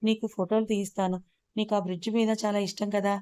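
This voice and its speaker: A woman's voice: mid-range voice, little pitch movement, fast talker, dark tone, smooth, close to an everyday voice. Doting old grandmother in an audio storybook, fussing and fond, level delivery, read by a woman narrator.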